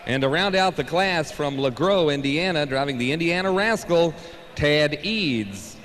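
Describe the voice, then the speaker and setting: A man's voice: on the high side, animated, unhurried, a bit bright. A man co-announcing a tractor pull, calling out line-ups live as an event announcer. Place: large indoor arena. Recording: reverberant arena PA, background noise.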